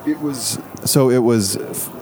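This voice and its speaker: A man co-hosting a casual, comedic podcast, making dry, deadpan jokes. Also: mid-range voice, measured pace, a little hiss or hum. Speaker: podcast co-host.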